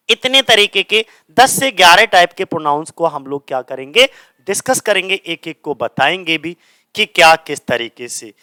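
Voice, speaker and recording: Bright-voiced male teacher, self-answering questions. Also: high voice, clean tone, no echo. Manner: asks questions and answers them himself, repeats key words. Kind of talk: grammar lesson explaining in Hindi.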